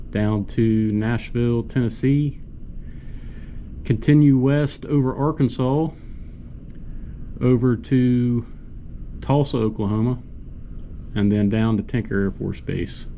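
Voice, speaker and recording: A man's voice: medium pitch, fairly even intonation, takes it slowly, pauses often, dark tone, lo-fi sound. A man giving a casual flight briefing as a pilot vlogger. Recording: faint vehicle background noise.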